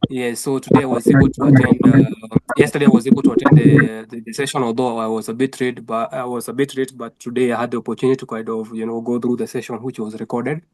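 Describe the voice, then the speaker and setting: Flat, mellow man from Kenya. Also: mid-range voice, quick pace. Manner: repeats himself, restarts phrases. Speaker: class participant. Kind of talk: self-introduction on a video call. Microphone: video call.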